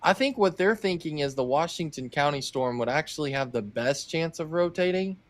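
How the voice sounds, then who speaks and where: A man's voice: on the high side, animated, moderate pace. A man co-hosting live storm coverage, thinking aloud in a cautious, hedging way. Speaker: co-host storm tracker. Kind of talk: live weather commentary.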